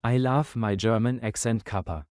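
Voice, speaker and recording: Flat synthetic male chat-reading voice. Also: medium pitch, normal speed, no echo, clean studio sound. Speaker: text-to-speech chat reader.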